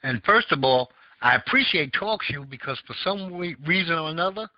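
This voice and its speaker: In dull, lo-fi audio, a man with a Southern American accent hosts a casual call-in podcast, speaking on the high side with lively intonation at a moderate pace. He rambles and searches for words, peppering his talk with fillers.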